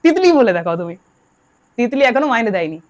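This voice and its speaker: A woman's voice: a little high, big pitch swings, fast, a little mellow. A woman teaching English grammar to a class, drilling her students and telling them to answer aloud. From Bengal. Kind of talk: classroom lesson.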